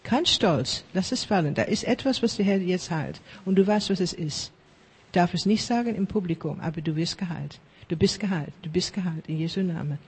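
A male preacher leads charismatic prayer ministry in a high, breathy voice. He repeats his blessings like a chant and drops to a whisper now and then. English phrases slip into his German prayer. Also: brisk. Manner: fervent, repetitive chanting of blessings.

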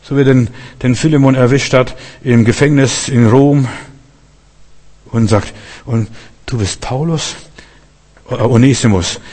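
A man preaching with earnest conviction, his voice at an ordinary middle pitch. He swings from loud, emphatic lines to quiet asides and stumbles over words when excited. A long reverb trails his voice, as in a large hall. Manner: earnest, lively preaching with sudden loud emphases and soft drops; stammers and restarts when excited. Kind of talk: sermon.

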